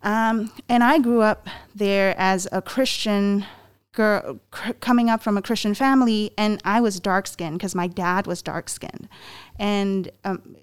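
A woman from Myanmar in her twenties, a panel guest telling a personal story in an earnest, halting way with many restarts. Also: medium pitch, steady tone, clear, resonant tone.

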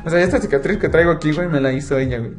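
A man's voice: a little high, racing, music in the background. A young adult man with a Mexican accent telling a long, profane, slang-filled story in casual chat. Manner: slangy, profane, says "güey" constantly.

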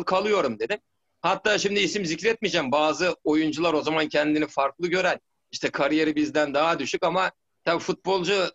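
A man's voice: fairly high pitch, fairly bright tone, dull audio. A middle-aged man, a former footballer, telling stories in a rambling way, with many restarts and "tamam mı?" checks. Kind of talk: casual storytelling interview.

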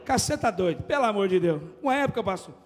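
High-voiced Brazilian pastor preaching. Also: male voice, quick pace, long reverb tail. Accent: Brazilian Portuguese, from Goiânia. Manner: animated, shouting, jokey and colloquial. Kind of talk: lively preaching sermon. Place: church hall.

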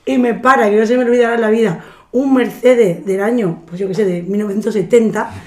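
Fields: Sex: woman. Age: 30s. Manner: lively, profane storyteller. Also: on the high side, a little fast. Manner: animated, acts out quoted voices, swears freely. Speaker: podcast guest. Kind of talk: casual storytelling chat. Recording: roomy echo.

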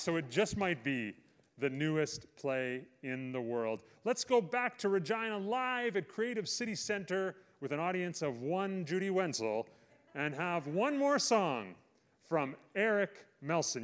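High-voiced man hosting a live show. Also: very animated, unhurried. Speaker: broadcast host. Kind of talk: presenting a live arts show.

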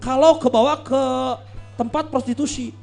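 High-voiced Sundanese man joking on stage. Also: fairly even intonation, normal speed, darkish tone, soft background music. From West Java, Sunda. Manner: joking, lecturing tone with punchlines. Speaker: comedic performer. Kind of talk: comic stand-up talk.

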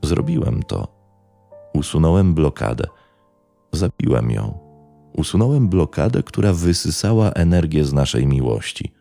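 An eerily calm, deluded man explains himself in a slow, level voice, deep and gravelly. A narrator reads his lines. The voice stays dark and unhurried throughout. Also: soft background music, heavily acted. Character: calm deluded male killer on the phone.

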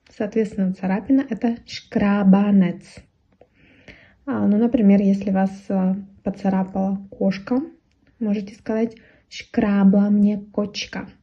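A woman language teacher patiently translating a children's story and explaining words, sometimes laughing softly as she explains. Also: medium pitch, husky, highs cut off.

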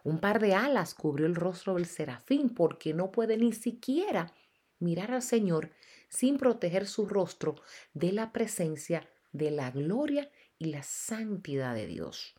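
Lively-voiced woman translating a sermon. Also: fairly low pitch, measured pace, slightly rough. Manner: emphatic, preacherly delivery.

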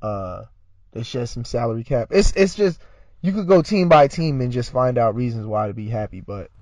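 A man's voice: mid-range voice, animated, moderate pace, darkish tone, no echo. A man co-hosting a casual sports podcast, laid-back and teasing, with lots of filler asides. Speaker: podcast co-host.

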